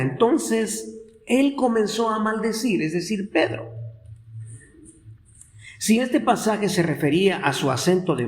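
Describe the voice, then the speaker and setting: A man preaching a sermon as pastor, slow and deliberate, drawing out quoted lines. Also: on the high side. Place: church.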